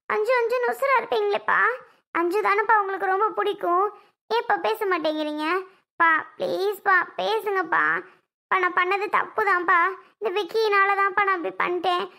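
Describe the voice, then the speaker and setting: A woman doing a tearful young daughter in a cartoon family serial, very high and bright, begging her father again and again. Her words come in soft, repeated pleas. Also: creaky, full character voice. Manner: pleading, repeated calls of "appa".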